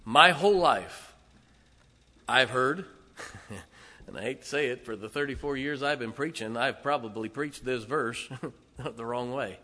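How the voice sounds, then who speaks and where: A man preaching a sermon as pastor, emphatic and full of rhetorical questions to the congregation, his volume swinging between loud and soft. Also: mid-range voice, measured pace, long pauses. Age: 40s. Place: church sanctuary. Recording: long hall reverb.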